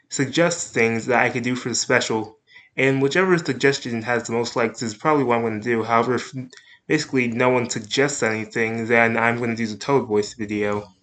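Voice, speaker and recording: A man's voice: medium pitch, brisk. A man hosting a casual anime review video, rambling, jokey and correcting himself as he goes. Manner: animated, up-and-down delivery. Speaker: anime reviewer, channel host.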